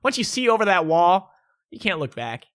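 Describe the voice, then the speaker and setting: Indoors at home, a young man with a high voice and big pitch swings answers viewer questions at normal speed in a fairly bright tone. The vlog is casual and laid-back, and he rambles and corrects himself, often restarting sentences.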